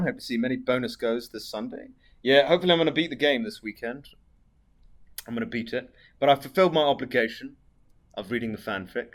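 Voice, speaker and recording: Man, posh British accent, medium pitch, casual livestream chat, dry delivery, swearing, reading out messages. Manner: sweary, dry, tag questions. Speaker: live streamer.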